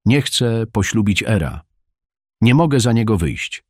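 Low-voiced man reading a reluctant young bride, pleading, dry close sound. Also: animated, a little slow, no room sound. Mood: defiant. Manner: pleading, resigned. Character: young woman facing an arranged marriage, pleading. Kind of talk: audiobook reading.

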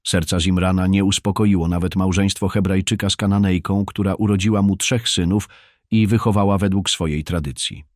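Low-voiced man, measured audiobook narration, dry close recording. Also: steady tone, a little mellow, no room sound.

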